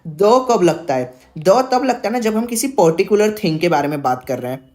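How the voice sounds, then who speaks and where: A man's voice: high voice, sing-song, brisk, darkish tone. Male tutor, casual explainer, repeats himself, keeps anticipating student questions. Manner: chatty, repeats points, mixes in English terms; voices students' doubts and answers them. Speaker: English teacher. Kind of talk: casual classroom lesson.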